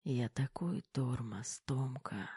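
Man whispering as a wounded gruff major. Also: on the high side, moderate pace, no echo, studio quality, close to an everyday voice. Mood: weak whispering. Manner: weak hushed whisper. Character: wounded young army major, gruff, tender.

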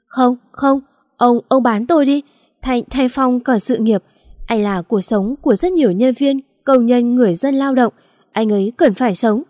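A desperate young woman pleads frantically for her lover, voiced by a woman storyteller. Her voice is warm and mellow, recorded dry and close. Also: a little high, a little slow, hardly any pauses, dry recording, pitched above the performer's own voice, lightly acted.

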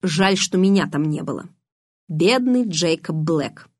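A woman's voice: on the low side, expressive, unhurried, darkish tone, husky, dry recording. A woman reading an audiobook, voicing an aloof teenage vampire boy with a dry, sardonic, restrained manner. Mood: cool, mocking.

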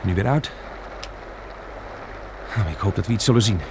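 A man's voice: fairly low pitch, moderate pace, close to an everyday voice. A man acting a caring, practical survivor named Bill in a Dutch radio play. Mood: practical, hopeful. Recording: noisy old radio drama recording.

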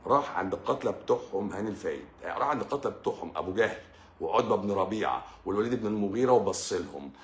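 A channel host with an Egyptian Arabic accent gives a lively religious talk, speaking straight to his listener and often repeating himself and stammering. His low-ish voice races along in an echoey room with slight background noise.

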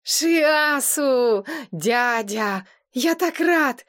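A naive, cheerful young male demon who rambles eagerly and sheepishly, as a woman voices him in an audiobook. His voice rides high above the reader's usual tone. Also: expressive, extremely slow, a bit bright, full character voice. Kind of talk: audiobook character reading.

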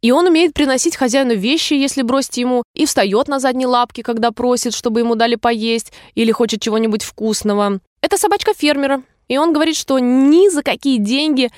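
Storybook girl: woman reader doing a polite, chatty kid voice, earnest and eager, pitched high. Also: a little fast, few pauses, no echo, clean studio sound, lightly acted. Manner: earnest, rambling, apologetic.

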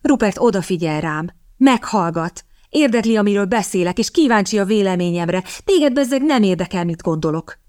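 A woman's voice: mid-range voice, lively intonation, few pauses, a little mellow, dry recording, studio quality, natural voice. A woman voicing a passionate, lovestruck young younger sister who pleads and protests indignantly.

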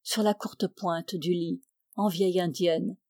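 Une femme lit un roman classique d'une voix posée et mesurée. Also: female voice, fairly low pitch, steady tone, unhurried, mellow, dry recording, studio quality. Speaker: audiobook reader. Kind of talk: literary audiobook narration.

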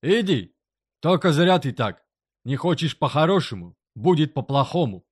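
A woman voicing a crude, menacing middle-aged male boss who growls threats in a low, rough voice. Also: big pitch swings, normal speed, full character voice. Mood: threatening.

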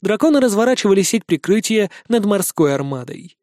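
A man narrating a children's fantasy audiobook in an even, storytelling manner on a close mic. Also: sits high, a little fast, no echo.

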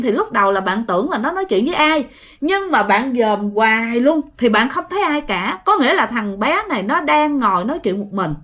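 A woman tells a ghost story as if chatting with friends, speaking to her listeners directly. Her voice sits high and swings widely up and down as she narrates. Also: fairly bright tone. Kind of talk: casual ghost story telling.

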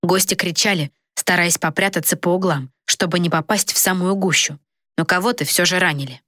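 Female storyteller, low-ish voice, steady read, dry booth sound. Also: brisk, dry recording. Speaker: narrator. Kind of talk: audiobook narration. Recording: dry close recording.

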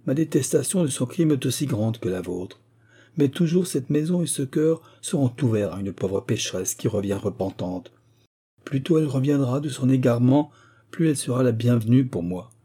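A man reads an aging country vicar, torn by grief and given to impassioned declaiming. The voice is very dark and mellow, with a husky edge. It fits a classic storybook reading. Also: medium pitch, lively intonation, normal speed. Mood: pleading.

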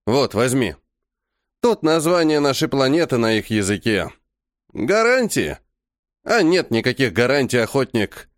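A man reading an audiobook, voicing a weary old alien chief who is blunt, calm and fatalistic. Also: mid-range voice, unhurried, no room sound, studio quality. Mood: grim resolve.

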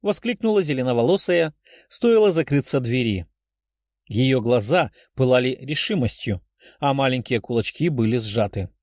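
A man narrating an audiobook in an expressive storytelling read. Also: mid-range voice, normal speed, dry recording, clean studio sound. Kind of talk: scripted narration.

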